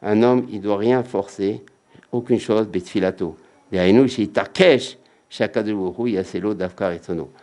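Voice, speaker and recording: A man's voice: on the low side, normal speed, a little mellow. A man giving a religious lecture as a rabbi, emphatic and repetitive, often acting out quotes.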